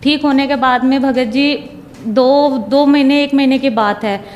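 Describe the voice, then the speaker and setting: A woman's voice: sits high, fairly even intonation, unhurried, darkish tone, highs cut off. A woman giving an emotional personal testimony, retelling conversations with repeated "I said". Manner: repetitive, retells dialogue with "I said". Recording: long hall reverb.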